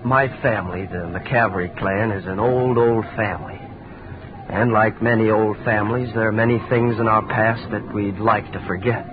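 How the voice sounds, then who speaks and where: A man's voice: lowish voice, fairly even intonation, normal speed, background noise, natural voice. An actor in 1940s radio drama playing a wounded man who earnestly recounts his family's curse. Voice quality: earnest, storytelling. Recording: tinny old radio broadcast.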